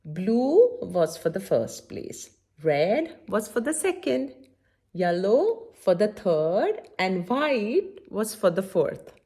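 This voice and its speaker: Reading a picture book to children, this story-time host speaks slowly, her pitch lively and varied, with a breathy edge to her voice. She adds simple remarks for her young listeners and keeps checking that they follow.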